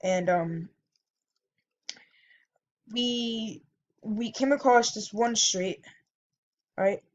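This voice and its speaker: A woman's voice: fairly high pitch, very slow, highs cut off. Rambling woman telling a casual story. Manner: rambling, full of fillers and self-corrections. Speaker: vlogger.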